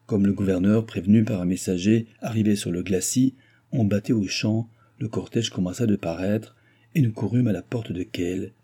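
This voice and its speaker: An earnest young officer, as a male narrator plays him, recounts events respectfully. The voice stays low, dark and husky. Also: moderate pace.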